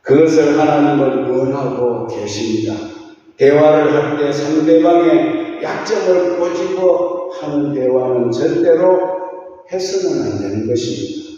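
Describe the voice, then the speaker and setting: Pastor preaching in an echoey hall. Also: male voice, on the high side, a little slow, dark tone, a little hiss or hum. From Gyeongsang region, Korea. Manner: folksy, asks the congregation rhetorical questions, sing-song preaching cadence. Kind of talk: sermon. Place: church sanctuary. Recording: echoey church hall, mic at a distance, dull sound.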